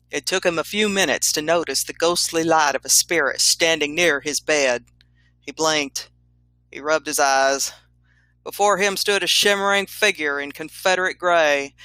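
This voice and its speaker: A woman narrating a comedic story in a deadpan, matter-of-fact way. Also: low-pitched, no echo, rough recording.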